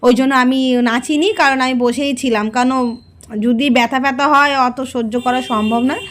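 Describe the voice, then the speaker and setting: A middle-aged woman, narrating a casual vlog in a relaxed, musing way. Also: sits high, fairly quick. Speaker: vlogger.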